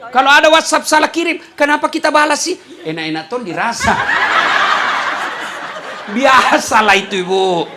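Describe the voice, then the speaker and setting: A man's voice: very high-pitched, lively intonation, normal speed, pauses often, very noisy. A male preacher gives a humorous sermon to a congregation, telling stories and acting out the voices of the people in them. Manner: playful storytelling, acting out quoted voices.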